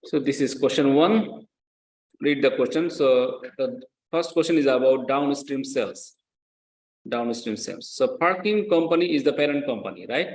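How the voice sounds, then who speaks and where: Explaining accounting one step at a time, this male lecturer, whose first language isn't English, repeats himself and keeps asking if students follow. He has a mid-range, expressive, slightly mellow voice at normal speed, recorded in an echoey room.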